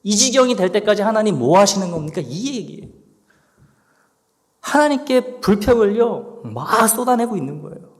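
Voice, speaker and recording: Male pastor, high voice, sermon delivery, dramatic pleading asides, long hall reverb. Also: sing-song, moderate pace. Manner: acts out the psalmist's complaints in a pleading voice.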